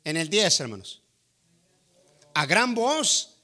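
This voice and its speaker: High, bright-voiced male preacher. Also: very animated, slow pace. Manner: emphatic, addresses listeners as brother; asks rhetorical questions. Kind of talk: sermon.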